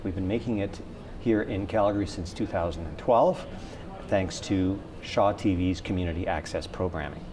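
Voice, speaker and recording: A man hosting a community TV talk show, asking relaxed, friendly questions in a studio interview. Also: low-pitched, moderate pace, a crowd in the background.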